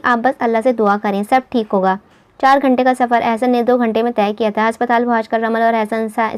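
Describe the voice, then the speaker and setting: A woman's voice: on the high side, a little mellow. A woman narrating a romance novel, voicing every character herself and rising for anguished dialogue. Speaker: audiobook narrator. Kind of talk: reading a romance novel aloud.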